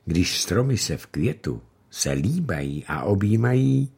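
A man voicing a gentle, wise old grandmother in a storybook, speaking softly and in a measured way. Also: fairly low pitch, big pitch swings, vocal fry, husky, full character voice.

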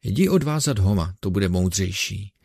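A man voicing an eccentric old male showman in an audiobook, loudly ordering people about. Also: deep voice, lively intonation, gravelly, breathy edge, no room sound, studio quality, exaggerated voice. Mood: bossy. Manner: exclaiming, bossing others about. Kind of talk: audiobook character reading.

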